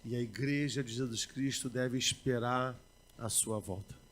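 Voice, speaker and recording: A Brazilian man preaching a sermon, swinging between loud bursts and low murmurs, and acting out everyday quotes in conversational asides. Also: fairly even intonation, unhurried, a little hiss or hum.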